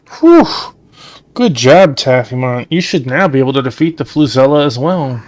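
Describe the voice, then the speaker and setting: A man's voice: mid-range voice, brisk. A man casually commenting on a video game as he plays, chatting and reading the subtitles aloud. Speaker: let's play host. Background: game music.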